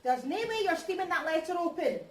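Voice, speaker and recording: Woman acting high-voiced wife, echoey room. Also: expressive, brisk. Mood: suspicious. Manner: questioning, colloquial. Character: concerned, questioning wife, caught between two men. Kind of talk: rehearsed stage reading of a drama. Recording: echoey room, distant mic, background noise.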